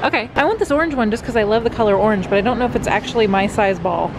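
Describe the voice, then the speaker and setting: A woman's voice: medium pitch, very fast. A woman in her thirties chatting in a bubbly, teasing way while vlogging at a large bowling alley, on a handheld camera mic. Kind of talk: casual vlog chat. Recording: loud music and crowd noise.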